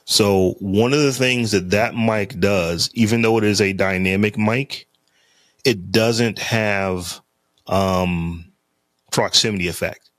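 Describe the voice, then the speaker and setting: On a close studio mic through a podcast interface, a man co-hosts a casual podcast chat, rambling and looping back with plenty of fillers and restarts. His voice is deep and lowish, a bit bright, at a slow pace. The recording is dry and echo-free.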